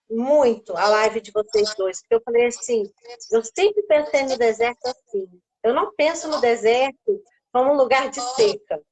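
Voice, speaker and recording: Sharing her faith story as a guest on a live stream, a woman with a Brazilian Portuguese accent acts out the voices she quotes. Her voice sits high with a darkish tone, and the recording is rough.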